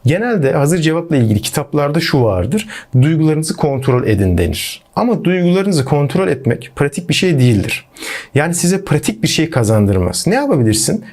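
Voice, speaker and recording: A young man giving relationship advice in a lively monologue, speaking directly to his viewers as friends. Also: mid-range voice.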